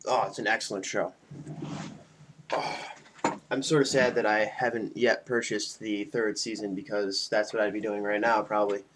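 A fairly low-pitched man in his twenties, tipsy from beer, chats loosely and casually to his friends in a homemade webcam vlog. He's in a small room at home, with the webcam mic at roughly arm's length capturing faint noise.

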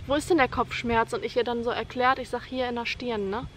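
High-voiced woman telling a dramatic story. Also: steady tone, fairly quick, background noise. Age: young adult. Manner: vivid, dramatic retelling, acting out her own screams and quoting others. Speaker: vlogger. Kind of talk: personal birth story told to camera.

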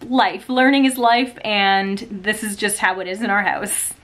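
A woman's voice: mid-range voice, a little slow, a bit bright. A young pregnant woman, a homeschooling mom, chatting casually and patiently, laughing often. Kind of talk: casual explaining to camera and coaching kids.

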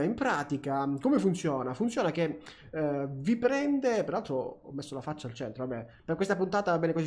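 A young Italian man commenting on his flight simulator gameplay, excitable, swearing often and talking to himself and the plane. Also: a little high. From Italy. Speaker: gaming youtuber. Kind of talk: flight sim let's play commentary.

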